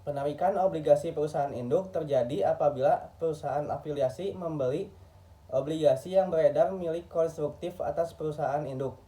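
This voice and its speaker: A man from Indonesia, his voice mellow and on the high side, reads scripted lecture material aloud fairly quickly in a formal textbook way. He stumbles occasionally, and the sound is muffled and distant.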